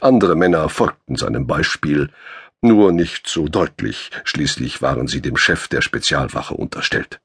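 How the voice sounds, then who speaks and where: Deep gravelly male audiobook narrator. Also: lively intonation, measured pace, a bit bright, no echo.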